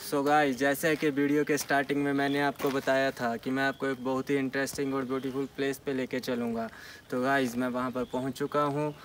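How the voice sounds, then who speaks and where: A man's voice: mid-range voice, little pitch movement, brisk, recorded from a distance. Young man, travel vlog, chatty, outdoors, noisy background. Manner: chatty, addresses viewers as guys. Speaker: travel vlogger. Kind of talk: casual travel vlog narration. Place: outdoors on a misty hillside. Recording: outdoor noise behind.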